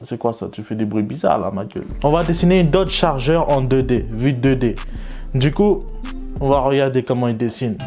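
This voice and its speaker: Joking slangy young man, mellow voice. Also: moderate pace, soft background music. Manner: slangy, self-mocking, jumps to excited high bursts. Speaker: vlogger. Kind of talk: casual joking commentary while drawing.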